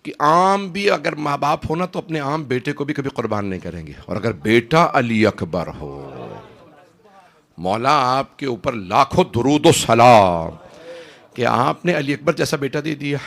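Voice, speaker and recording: A man's voice: mid-range voice, lively intonation, gravelly, few pauses, fairly bright tone. A man preaching an impassioned mourning sermon, dramatic and emotional, swearing oaths and rising to cries.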